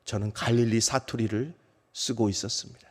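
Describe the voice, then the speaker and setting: A man, a pastor, speaking as the apostle Peter, a remorseful, ashamed grown man, in a first-person dramatic monologue in a church, swinging from loud outbursts to hushed low phrases. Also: steady tone, brisk, natural voice. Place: church sanctuary. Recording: long church hall reverb.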